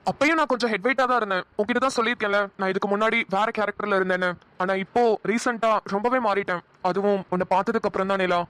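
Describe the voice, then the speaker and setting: A man voicing a reflective, affectionate young husband in a cartoon who explains himself calmly. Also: high-pitched, clean tone, dry recording, low-quality recording. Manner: calm, explaining at length. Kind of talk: Tamil cartoon voice acting.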